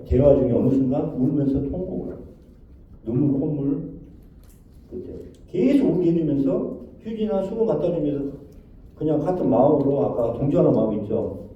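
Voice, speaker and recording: A man giving a spoken lecture on overcoming depression, asking his listeners rhetorical questions and acting out the phrases he quotes. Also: on the high side. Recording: echoey and distant, dull, faint noise.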